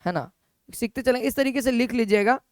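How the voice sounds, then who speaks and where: A man leads an exam-prep class, his smooth, resonant voice pitched extremely high and moving a little fast. The recording is close and dry, with hardly any room sound. He drills key points again and again and supplies the answers to the questions he puts to the students.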